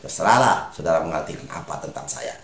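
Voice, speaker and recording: A man preaching religious advice in a lively, emphatic way, often calling his listeners brothers. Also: rumbling low, fast, reverberant. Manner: preachy, repeatedly addressing listeners as brothers, rising emphatic calls. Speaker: spiritual advisor on Javanese birth days.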